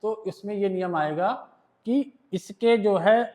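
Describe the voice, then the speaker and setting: A man with an Indian accent teaches a shorthand lesson in a high-pitched, darkish voice. He reads each rule slowly in English, explains it in Hindi, and often checks that his students have understood as he goes step by step through the classroom lesson.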